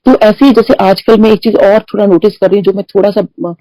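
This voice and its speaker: A middle-aged woman tells personal stories at a devotional gathering, slipping English phrases into her chatty speech. Her voice is soft and mellow, with a mid pitch. The sound is dry and close. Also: steady tone, fairly quick, dry recording, rough recording. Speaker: devotee sharing experiences. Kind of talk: spoken testimony in a satsang.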